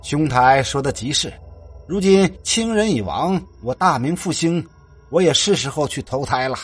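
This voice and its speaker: A man voicing a pompous old-fashioned male scholar ghost who speaks slowly in a stiff, archaic, bookish manner. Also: medium pitch, very animated, husky, faint music behind. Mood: solemn.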